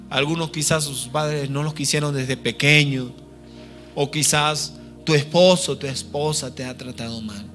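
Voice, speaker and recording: Slightly high, pushed and bright, the voice belongs to a missionary preacher from Peru. Sharing a personal story in his sermon, he speaks earnestly and intimately, regularly tossing tag questions to his listeners.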